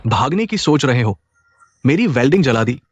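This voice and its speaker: A threatening thug chasing a debt, voiced by a man. He taunts and menaces, and his lively pitch jumps around as he barks orders. The delivery belongs to a dubbed drama. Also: moderate pace, a little hiss or hum, natural voice. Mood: menacing. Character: menacing young male debt collector thug.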